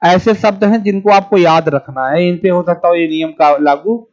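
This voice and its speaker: Male online teacher, higher voice, slow dictation with repeats, casual asides to viewers, muffled sound. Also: a little mellow. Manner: chats with viewers' comments. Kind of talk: live-streamed exam class. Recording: dull lo-fi sound.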